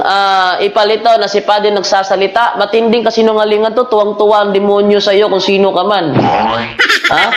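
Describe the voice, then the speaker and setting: A woman's voice: medium pitch, a little hiss or hum. Echoey, argumentative woman repeating her points. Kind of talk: casual religious commentary, reading out chat messages. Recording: echoey room.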